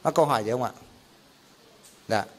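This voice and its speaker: A man's voice: mid-range voice, brisk. A middle-aged man, a pastor teaching a Bible class in a conversational style, explaining with examples and rhetorical questions.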